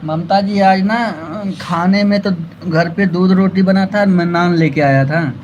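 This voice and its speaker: A man's voice: high voice, fairly even intonation, a little slow, darkish tone, muffled recording, a little hiss or hum. A man with an Awadhi accent hosting a casual live stream, chatting with viewers and thanking them by name.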